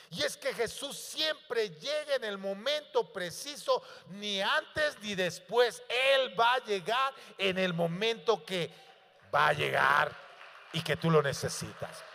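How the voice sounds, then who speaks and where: A man with a high, bright voice preaches a sermon in a church. He builds to loud, emphatic peaks and often asks the congregation questions. The sound carries a long reverb from the hall. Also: vocal fry. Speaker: pastor.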